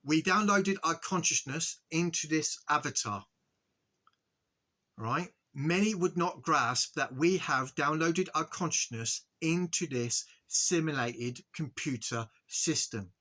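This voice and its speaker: A man giving an earnest, halting spiritual monologue to his viewers, often stopping to ask "okay?" and restarting his sentences. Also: on the high side, sharp tone. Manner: earnest, repetitive, frequent "okay?" check-ins. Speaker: spiritual video host.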